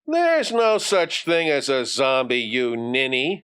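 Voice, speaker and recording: A man's voice: fairly high pitch, animated, a little slow, a bit bright, smooth, pitched above the performer's own voice. A man voicing a scornful neighbourhood bully boy in a storybook, sneering and taunting. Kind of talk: storybook character voice.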